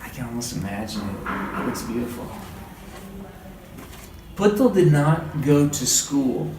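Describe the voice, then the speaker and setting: A man with a medium-pitched, very animated voice leads an interactive read-aloud lesson, keeping to a measured pace. He is encouraging and conversational, often repeating his listeners' words. It's an indoor group training session recorded from afar in a roomy space with clear background noise.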